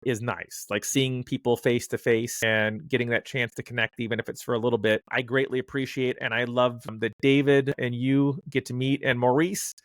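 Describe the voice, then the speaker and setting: A man's voice: mid-range voice, flat delivery, normal speed, hardly any pauses, dry recording, clean studio sound. A man hosting a podcast, chatting casually and rambling with lots of fillers and restarts. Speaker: podcast host.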